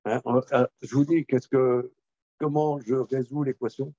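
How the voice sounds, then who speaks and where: A man leads an informal Torah lesson in an animated, repetitive way, acting out examples as he goes. His voice sits at an average pitch. The recording is dry and somewhat dull. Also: measured pace, no echo. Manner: animated, repetitive, with many restarts and role-played examples. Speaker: rabbi teaching a class.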